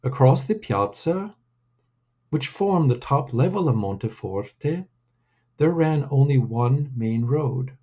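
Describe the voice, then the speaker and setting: A man reading his own storybook aloud in a deliberate, measured way. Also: medium pitch, animated, dark tone, husky, muffled recording.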